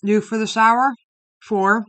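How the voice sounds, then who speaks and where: A woman in her thirties chats casually to camera while eating sour candy, talking in short, halting bits with mumbled asides. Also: a little high, fairly even intonation, fairly bright tone, dry recording. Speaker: vlogger reviewing candy. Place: small room indoors. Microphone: webcam or laptop mic at arm's length. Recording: noisy webcam audio with clicks.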